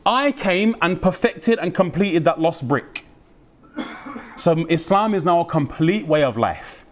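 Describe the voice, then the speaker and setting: Lively British man preaching. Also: a little high. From United Kingdom. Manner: lively, slangy, acts out quoted voices. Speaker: Islamic preacher. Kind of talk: religious talk.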